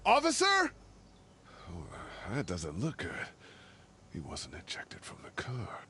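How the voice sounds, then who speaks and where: Lee, a wary handcuffed game hero. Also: male voice, on the low side, huge pitch swings, slow pace, bright, forceful tone, a little hiss or hum, exaggerated voice. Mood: uneasy. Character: handcuffed adult man, wary, level-headed. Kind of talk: video game voice acting.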